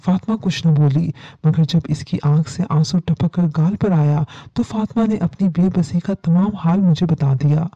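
A woman narrating a first-person horror story as a storyteller, reading calmly and earnestly. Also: on the low side, few pauses, dry recording. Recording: dull lo-fi dry recording.

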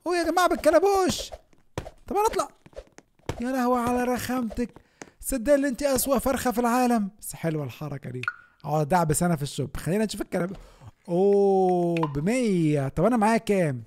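A young man with an Egyptian Arabic accent giving excited gameplay commentary as a gaming YouTuber, often shouting and laughing. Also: high voice, fast, a little hiss or hum.

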